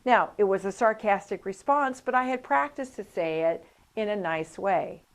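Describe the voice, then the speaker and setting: A woman's voice: mid-range voice, normal speed. A woman instructor teaching a coparenting class, telling stories and acting out what people said. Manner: animated storytelling, acts out quoted voices. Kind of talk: lively teaching talk with anecdotes.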